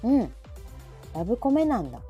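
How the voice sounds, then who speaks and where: A woman with a Kansai Japanese accent hosts a live audio stream, chatting casually, asking questions and reacting often. Her voice is fairly high with big swings in pitch, at a moderate pace, and the highs sound cut off. Soft music plays in the background.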